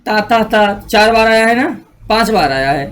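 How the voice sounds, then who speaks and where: A male grammar teacher giving a classroom lecture, explaining slowly, repeating each rule and checking that students follow. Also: sits high, lively intonation, fairly bright tone, clean tone.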